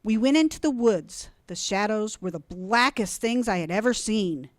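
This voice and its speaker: A woman reading a children's storybook aloud in an expressive, deliberate, dramatic way. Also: mid-range voice, dry recording, clean studio sound. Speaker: storybook reader.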